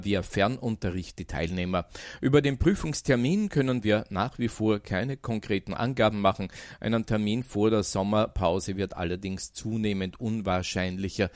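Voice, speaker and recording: A man's voice: on the low side, no room sound, clean studio sound. A man with an Austrian accent presenting an amateur radio club bulletin, reading out announcements.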